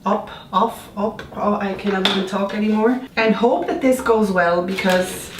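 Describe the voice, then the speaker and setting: Here the Swiss baking vlogger speaks at medium pitch, with a steady tone and moderate pace. She talks casually to the camera in her home kitchen, playful and self-mocking, her Swiss accent clear; the audio has roomy echo, distant miking and faint noise.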